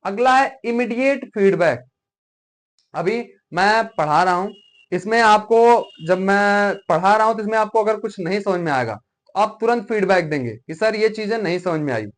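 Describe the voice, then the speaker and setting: A man's voice: high-pitched, moderate pace. A male teacher from Uttar Pradesh, India, giving a classroom lecture and often asking rhetorical questions to check understanding.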